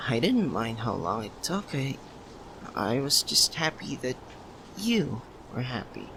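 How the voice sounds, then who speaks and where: Voiced by a man in a mid-range tone, a shy, lovesick university student, a nervous childhood best friend, speaks hesitantly with stammers and pauses. This ASMR roleplay is a soft, confessional and wistful monologue to the listener, set against noticeable steady background ambience.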